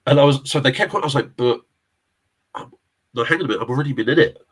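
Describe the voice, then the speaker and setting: A middle-aged interview guest, an English casting director and actor with a South London accent, rattles off meandering anecdotes about the film business. His mid-range voice is quick and slightly rough, and he laughs often, with the odd swear word.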